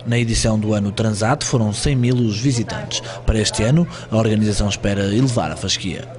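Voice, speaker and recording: A man's voice: fairly low pitch, quick pace, music in the background. A man reading a formal, scripted news voice-over. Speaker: news reporter narrating.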